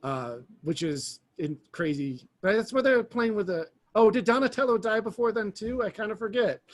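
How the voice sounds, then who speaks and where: A man's voice: high-pitched, normal speed. A man co-hosting a podcast, telling stories in a rambling, enthusiastic casual chat. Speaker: podcast co-host.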